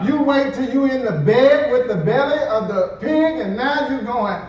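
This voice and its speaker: A man's voice: very high-pitched, expressive, moderate pace, a little mellow, muffled recording. A man preaching a sermon as pastor, conversational, acting out quotes and chuckling as he goes. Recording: echoey church hall from a distant mic.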